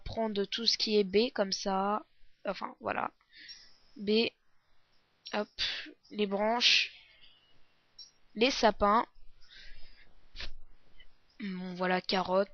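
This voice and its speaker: A woman with a sore throat giving a casual, halting, apologetic game walkthrough as a beginner presenter. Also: medium pitch, fairly bright tone, no room sound. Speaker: let's play presenter, beginner. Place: indoors, recording at a computer. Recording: dull lo-fi close dry mic.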